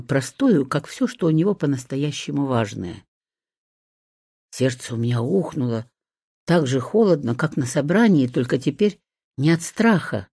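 A woman reading a first-person story aloud, in a soft, expressive way. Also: low voice, slightly rough, no echo, clean studio sound.

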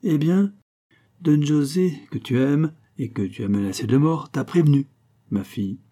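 A man reading an audiobook and voicing a cold, scheming mysterious man who speaks calmly and with command. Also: on the high side, moderate pace, pitched above the performer's own voice, lightly acted. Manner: icy, calm, commanding.

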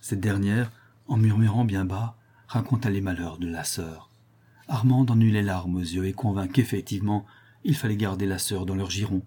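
An audiobook narrator reads a historical chronicle aloud as scripted narration, telling the story in a measured, steady way. His voice is on the low side with a breathy edge.

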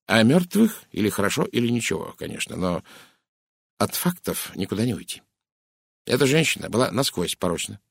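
A man's voice: lowish voice, sing-song, fairly quick, creaky, breathy edge, dry recording, studio quality, exaggerated voice. A man voicing a stern, brusque middle-aged Englishwoman in an audiobook, speaking curtly and bluntly. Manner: curt, blunt, disapproving. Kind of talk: audiobook character reading.

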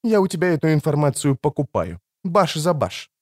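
A man's voice: fairly high pitch, sing-song, moderate pace, dry recording, studio quality, voice pushed up. A man voicing a proud, cutting sorceress. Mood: businesslike. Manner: biting, sarcastic, then pleading. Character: proud scorned sorceress, woman, furious and pleading. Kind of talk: audiobook character reading.

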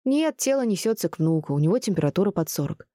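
A woman's voice: fairly low pitch, very animated, fast talker, dark tone, no room sound, clean studio sound. A woman voicing a grandmother in her forties who speaks earnestly and apologetically, rattling on when flustered.

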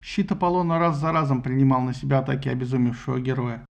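A man narrating a humorous myth retelling in a wry, lively storytelling manner. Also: mid-range voice, quick pace, creaky.

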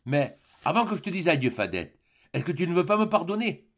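An eager young peasant man pleads his case with warmth and insistence, voiced by a man reading the tale. His pitch moves widely in a lively storybook delivery. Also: fairly quick. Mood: earnest.

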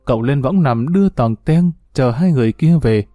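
A man narrating a romance story in a steady, even reading. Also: medium pitch, moderate pace, dry recording, highs cut off, faint music behind.

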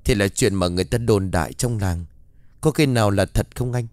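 A man's voice: fairly low pitch, a little fast, a little mellow, no echo, soft background music, close to an everyday voice. A man voicing a frightened young mother who pleads and whimpers in fear, in a dry studio audiobook reading. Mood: anxious, whispering. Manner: whimpering, begging.

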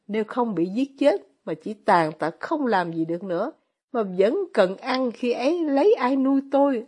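A woman reading as a poor, bitter older male ex-officer with quiet irony, in an audiobook. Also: a little high.

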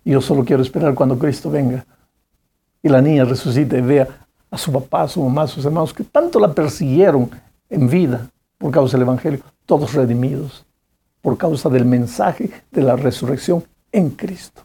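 A man's voice: mid-range voice, moderate pace, vocal fry, mellow, husky. A man preaching a Bible commentary, emphatic and addressing listeners with direct rhetorical questions. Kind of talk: sermon-style Bible commentary.

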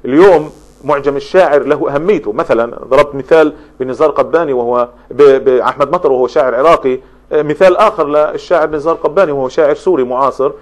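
A male lecturer talks through his material at a brisk clip, his voice sitting a little high for a man. He explains point by point and stacks up long lists of examples, often stopping and restarting mid-phrase. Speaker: literature lecturer. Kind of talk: spoken lecture on poetry.

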